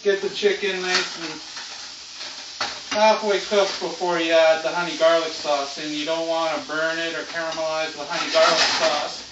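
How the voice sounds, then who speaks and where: A man's voice: on the high side, little pitch movement, normal speed, very noisy. Laid-back stoner-like man, muffled echoey recording. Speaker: home cooking show host. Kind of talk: casual unscripted cooking demonstration. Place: home kitchen. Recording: muffled, echoey room, far from mic.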